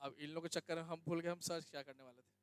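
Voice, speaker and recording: A man's voice: fairly high pitch, steady tone, very fast, clear, resonant tone, dry recording. A young male teacher giving a classroom lecture, often asking students questions and checking that they understand. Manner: questions students, addresses them as beta.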